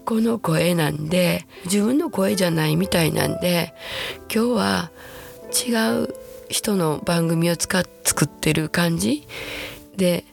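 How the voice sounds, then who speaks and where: A woman in her sixties with a Kansai accent hosts a casual podcast, her voice husky and hoarse from a throat cold. It sits low and gravelly, and she talks in a chatty, self-deprecating way. Faint music plays behind her. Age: 60s. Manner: chatty, self-deprecating, slows to a soft hush at times. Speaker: podcast host. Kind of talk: casual solo podcast talk.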